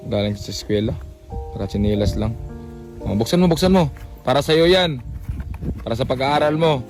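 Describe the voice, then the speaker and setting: A man's voice: medium pitch, moderate pace, a little mellow, faint music behind. A young adult man hosting a casual vlog, coaxing and repeating short phrases again and again. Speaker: vlogger host.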